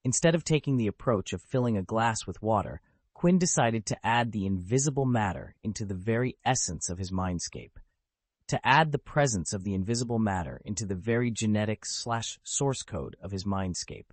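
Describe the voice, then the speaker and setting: Brief: male audiobook narrator, low voice with a lively pitch range, steady literal reading, dry close mic. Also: moderate pace, no room sound. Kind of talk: scripted narration.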